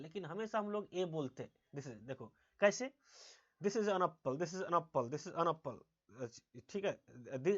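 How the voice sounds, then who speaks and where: A male English teacher giving a grammar lesson, asking quiz questions and answering them himself, repeating key words slowly. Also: high voice. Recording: dull lo-fi sound.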